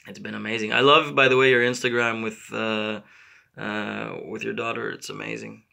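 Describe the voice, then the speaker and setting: A man in his thirties from Israel, hosting a casual live stream and answering viewer comments with halting, repetitive phrasing and many fillers. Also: fairly low pitch, little pitch movement, creaky, bright, forceful tone. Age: 30s. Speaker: channel host.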